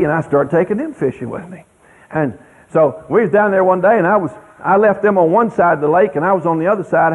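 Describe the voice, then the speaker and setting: A middle-aged man tells a folksy story to an audience in a rambling, animated drawl. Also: sits high. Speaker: speaker telling a story to an audience. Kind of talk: folksy anecdote telling. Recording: tinny radio broadcast.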